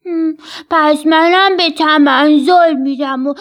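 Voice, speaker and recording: A naive little storybook goldfish speaks in a very high, thin, childlike squeak, put on by a woman narrator. The words come slow and drawn out, wide-eyed and innocent. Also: fairly bright tone. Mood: dreamy. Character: small scared little female goldfish, curious and naive.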